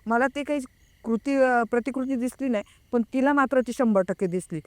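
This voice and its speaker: A woman tells a first-person story in a smooth, clear voice with a dry, close sound. She talks casually, often stops to search her memory and acts out other people's words as she goes. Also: a little high, no echo. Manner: hesitant, pauses often to recall details; reenacts a friend's frightened words. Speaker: guest recounting a personal experience.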